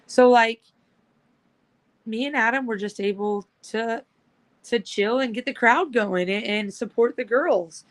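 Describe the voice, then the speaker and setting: As a guest in a casual chat, a woman who organizes a supporters' group rambles cheerfully with lots of fillers. Her voice is a little high, and she takes her time.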